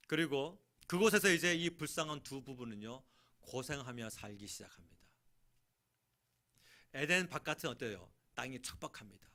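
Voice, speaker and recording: A male pastor preaching a sermon, swinging from shouting to hushed asides and acting out scenes. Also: on the high side.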